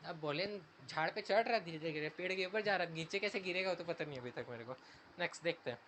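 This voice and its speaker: A male teacher reading an English story slowly and explaining it casually in Hindi, with lots of repetition. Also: fairly high pitch, fairly bright tone, slight background noise.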